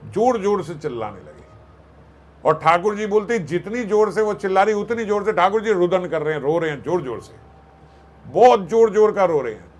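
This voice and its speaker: Male katha preacher, slightly high, lively and playful storyteller. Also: moderate pace. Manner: animated, acts out voices and jokes with the audience. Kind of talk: devotional katha sermon.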